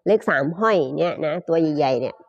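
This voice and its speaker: A Thai woman teaching English pronunciation in a live stream, drawing out model phrases slowly between quick explanations. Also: sits low, expressive, lo-fi sound.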